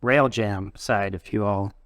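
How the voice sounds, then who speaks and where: A middle-aged man from Colorado, a university president, talking through an interview in a thoughtful, halting way with many restarts. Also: on the low side, fairly bright tone, no room sound, studio quality. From Colorado, USA. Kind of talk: casual interview conversation.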